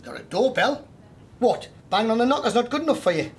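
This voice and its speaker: An actor playing a gruff, blunt working-class socialist who needles people in a sitcom. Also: male voice, extremely high pitch, very animated, a little fast, exaggerated voice. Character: gruff old-school socialist man, confrontational. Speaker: old left-wing comrade. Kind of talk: sitcom acting.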